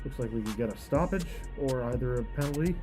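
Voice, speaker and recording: A man's voice: medium pitch, expressive, fast talker, dark tone, soft background music. A man giving live color commentary on a lacrosse game in a plain, conversational way between plays.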